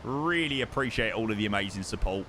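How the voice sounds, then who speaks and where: A man's voice: lowish voice, expressive, quick pace, background noise. A British man chatting casually and matily on a flight simulator livestream, often repeating words as he comments on his flying.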